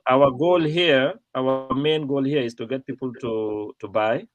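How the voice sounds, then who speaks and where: A man hosts a live-streamed show, rambling and halting as he fills gaps with fillers. His voice sits at a middle pitch and is recorded dry, with little room sound. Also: fairly even intonation, dry recording, dull audio. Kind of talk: casual live-stream hosting.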